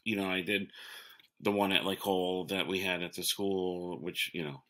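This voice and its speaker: A man in his forties with a very low, bright and forceful voice, a chef telling an interviewer about opening restaurants. He rambles, circles back and restarts his sentences, with plenty of fillers along the way. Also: fairly even intonation, moderate pace. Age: 40s. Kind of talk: casual interview.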